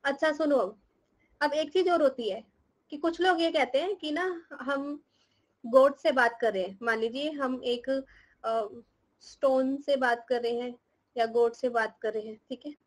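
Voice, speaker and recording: High-voiced woman teacher scolding her class. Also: a little slow, poor audio. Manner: scolding, teasing students with questions; laughs often while explaining. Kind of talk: live class lecture in Hindi mixed with English.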